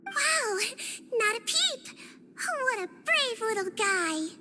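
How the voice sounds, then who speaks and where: A woman voicing a small, gentle creature nurse who talks softly and teases kindly. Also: very high-pitched, very animated, takes it slowly, noisy background, full character voice. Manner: soft, sweet, gently playful. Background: game music.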